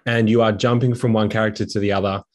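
A man co-hosting a gaming podcast in casual chat, talking in an earnest, deliberate way. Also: fairly low pitch, little pitch movement. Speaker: podcast co-host.

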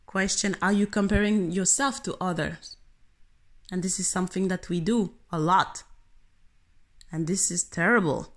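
A woman's voice: lowish voice, moderate pace, long pauses. Earnest woman giving a motivational talk. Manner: earnest, animated, speaks directly to the listener. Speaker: tennis coach.

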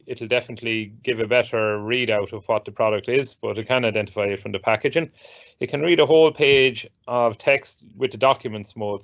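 A man presenting and explaining technology in a casual, halting way, often repeating and rephrasing himself. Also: mid-range voice, fairly bright tone, dry recording. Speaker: presenter of an assistive technology show. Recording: dull, muffled lo-fi audio.

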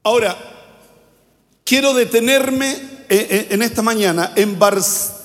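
A man's voice: high-pitched, measured pace, a bit bright. An older man preaching a sermon as pastor, leading call-and-response with his congregation in a church sanctuary. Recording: long hall reverb from a church sanctuary.

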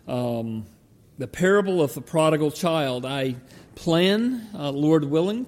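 A male pastor with a Southern Georgia drawl preaches a sermon in a halting, deliberate manner with frequent pauses. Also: on the high side, a little mellow. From Georgia, United States. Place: large church hall, preaching to a congregation. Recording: reverberant church hall.

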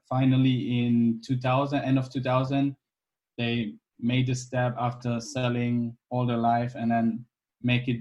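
A man in his twenties from Iran, a guest speaking in a casual interview, easygoing and thoughtful with many pauses. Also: medium pitch, dull audio. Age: 20s.

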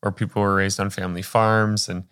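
A man's voice: on the low side, little pitch movement, a little fast, a bit bright, clean tone. A man co-hosting a church podcast, joking and talking through his thoughts in a casual chat. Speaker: podcast co-host and pastor.

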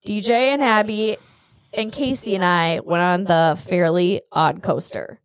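A woman in her thirties, a mother chatting casually with her kid, blunt and quick to act out what people said. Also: on the low side, clear, resonant tone, dry recording. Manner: chatty, blunt, acts out quotes dramatically. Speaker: mother and podcast host. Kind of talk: casual family chat.

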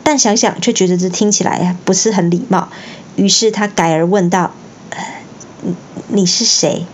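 A mother reading a bedtime story aloud at home, expressive, with the odd slip and restart. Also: mid-range voice, fairly quick, lo-fi sound, slight background noise. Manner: expressive, occasional slips and restarts. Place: home, indoors.

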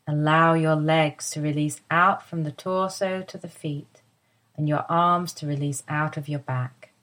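Slow, low-voiced woman guiding relaxation. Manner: soft, slow, soothing guidance. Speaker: movement teacher guiding a lie-down. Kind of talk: guided body-awareness instruction.

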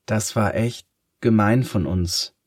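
A man voicing an excitable, curious schoolboy whose voice cracks upward with excitement. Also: fairly low pitch, slow pace, no echo, studio quality.

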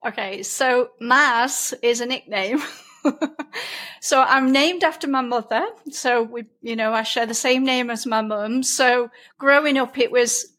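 Chatting and explaining in a relaxed interview, this middle-aged woman from Lancashire, England, has a broad local accent and teaches painting. Her voice sits on the high side, a bit bright and unhurried.

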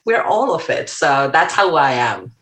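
A woman guest in a conversational interview, speaking English with a mixed Indian, American and Australian accent, animated, laughing often and restarting sentences. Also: sits low, a little slow, reverberant, low-quality recording.

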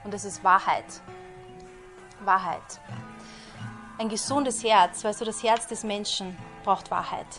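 A woman's voice: mid-range voice, steady tone, a little slow, long pauses, fairly bright tone, faint music behind. A woman preaching a conversational sermon who keeps asking her listeners rhetorical questions. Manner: chatty, asks listeners rhetorical questions, often says "you know".

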